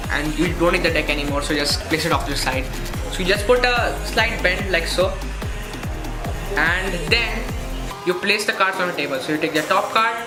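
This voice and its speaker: A presenter walking through a card trick step by step in an instructional way, often checking in with "okay". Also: mid-range voice. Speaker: magic tutorial presenter. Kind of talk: step-by-step demonstration and tutorial. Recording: roomy echo with faint music.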